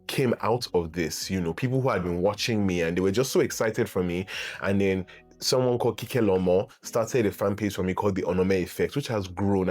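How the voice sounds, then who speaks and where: A young adult man with a Nigerian English accent, telling his own story to camera in a lively, casual way, laughing often and jumping up in pitch when he acts out what people said. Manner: animated, laughs often, acts out quotes with big pitch jumps. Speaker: actor sharing his story.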